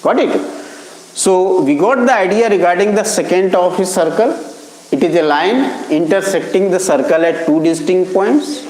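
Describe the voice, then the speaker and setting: A man lecturing on geometry, stopping often to call his students children and check that they follow. His voice sits high and swoops widely as he stresses each term, and he talks at a slow, deliberate pace. The sound is roomy, with a long reverb tail. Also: a little mellow. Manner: addresses students as children, repeats terms slowly. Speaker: maths teacher. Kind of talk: classroom lecture. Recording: echoey classroom with long reverb.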